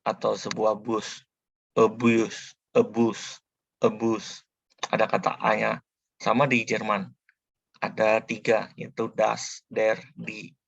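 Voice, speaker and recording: Slow, gravelly-voiced man teaching patiently. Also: on the low side, monotone, no echo, muffled recording. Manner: patient, repeats each sound several times. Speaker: language teacher. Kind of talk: slow spoken tutorial.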